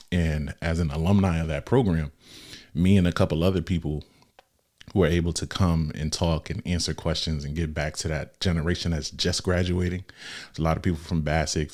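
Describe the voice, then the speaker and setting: A young man hosting a faith podcast, talking in a relaxed, conversational way with casual slang. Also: deep voice. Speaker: podcast host.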